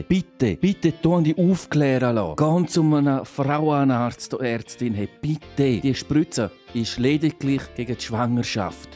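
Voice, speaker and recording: A man's voice: medium pitch, a little mellow. A man with a Swiss German accent, hosting a reaction video and commenting in an outspoken, lecturing way.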